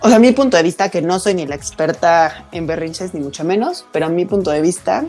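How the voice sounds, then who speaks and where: A woman's voice: fairly low pitch, animated, brisk, a little mellow, soft background music. A woman in her thirties with a Mexican accent, chatting casually about motherhood with many fillers. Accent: Mexican Spanish. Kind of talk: casual chat.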